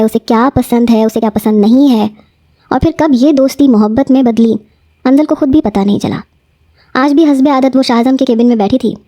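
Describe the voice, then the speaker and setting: High, mellow woman narrating a novel. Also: no echo, studio quality. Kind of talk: scripted narration of a romance novel.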